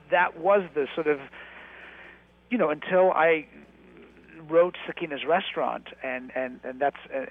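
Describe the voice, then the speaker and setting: A man, an actor and writer, talking as a guest in a casual radio interview, halting, with many restarts and fillers. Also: medium pitch. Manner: halting, many restarts and fillers, animated when telling stories. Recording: tinny phone-like radio line.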